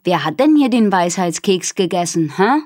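A woman's voice: on the low side, very animated, moderate pace, a little mellow, no echo. A woman reading aloud voices a young girl with a dry, sarcastic way of talking.

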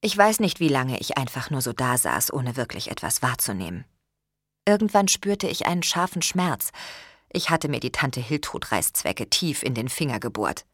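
A woman calmly reading a first-person novel as an audiobook narrator. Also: extremely low pitch, normal speed, dry recording, clean studio sound.

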